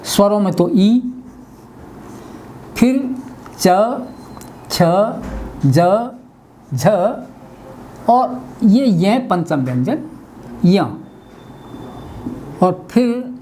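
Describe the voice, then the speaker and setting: A man teaches a webinar lesson on pronunciation, calling out each letter as he writes it. He speaks at an unhurried, deliberate pace with a dark, mellow tone. A faint hiss sits under his voice. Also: sits high, expressive. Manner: spells out letters one by one while writing; deliberate, explanatory. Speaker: Hindi language teacher.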